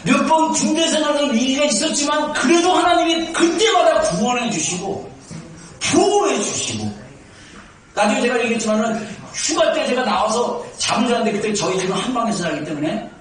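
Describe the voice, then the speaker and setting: A pastor in his fifties with a naturally high-toned voice, preaching a sermon animatedly, from soft asides to shouts. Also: animated, normal speed. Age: 50s. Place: church sanctuary. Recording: echoey room, distant mic.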